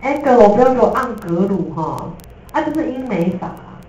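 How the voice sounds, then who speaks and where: A woman teacher with a Taiwanese Mandarin accent gives a lively, jokey classroom lecture, slipping in English terms. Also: on the high side, normal speed, dull audio. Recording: echoey room from a distance.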